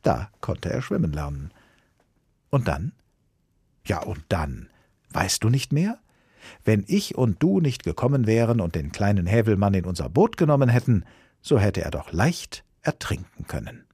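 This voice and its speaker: A man's voice: lowish voice, moderate pace, breathy edge, dry recording, clean studio sound. A man reading a fairy tale aloud expressively, voicing the characters. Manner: lively, voices the characters. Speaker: storyteller.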